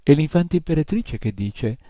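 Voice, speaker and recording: A man's voice: fairly high pitch, expressive, moderate pace, mellow, dry recording, dull audio, pitched above the performer's own voice. A man voicing a small male nightmare imp who whimpers and stammers in dismay. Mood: whimpering dismay. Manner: whiny, stammering "uh, uh".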